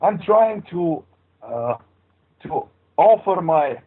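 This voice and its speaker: A man putting on a deadpan Transylvanian radio host. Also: a little high, a little slow, husky, exaggerated voice. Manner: deadpan trolling, broken English. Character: male foreign radio host with put-on Transylvanian accent. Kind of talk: prank call-in radio chat. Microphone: laptop mic. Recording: dull lo-fi laptop audio.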